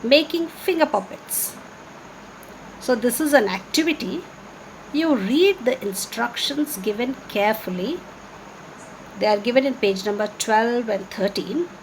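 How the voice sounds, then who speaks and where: Slow, high-voiced woman teaching young children. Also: expressive, low-quality recording. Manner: slow, simple explaining to young children, with questions and repetition. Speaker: primary school teacher. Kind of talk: children's online class lesson. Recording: noticeable background noise.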